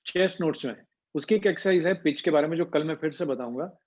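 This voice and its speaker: A man leads a voice training class, moving between Hindi and English. His voice sits a little high, and he hums to show how pitch moves. The sound is muffled and lo-fi, like a video call. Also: a little mellow. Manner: mixes Hindi with English, demonstrates pitch with hums and slow pauses. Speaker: voice coach.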